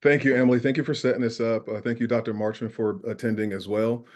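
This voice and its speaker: A man from New York with a Southern drawl, a school safety specialist presenting a webinar, earnest and filling pauses with "uh". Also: mid-range voice, steady tone, darkish tone. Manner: earnest, many "uh" fillers.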